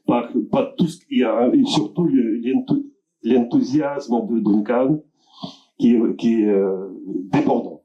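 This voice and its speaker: A man hosting a literary evening, introducing the speakers in a halting way, with many filler sounds and restarts. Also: mid-range voice, mellow. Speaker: event host introducing speakers. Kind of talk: hesitant spoken introduction. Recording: dull lo-fi room recording.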